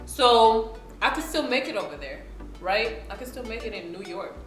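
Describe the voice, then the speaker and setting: With a fairly high, lively and slightly bright voice at a moderate pace, a young South Sudanese woman chats to camera over a meal. She frequently checks in with viewers, and the room sounds spacious with faint background music.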